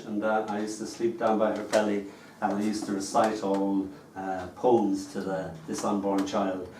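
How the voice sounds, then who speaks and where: A poet from Ireland reads live at a small venue, filling the gaps between poems with wry, chatty stories. His voice is fairly low, set against a noisy background. The echoey room is captured from a distance.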